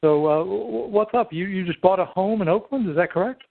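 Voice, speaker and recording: A man's voice: high voice, creaky, no echo. A middle-aged man hosting a podcast, chatting casually and hesitantly on a three-way phone call. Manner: hesitant, halting, wordy. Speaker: podcast host. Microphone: telephone call. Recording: tinny phone-line sound.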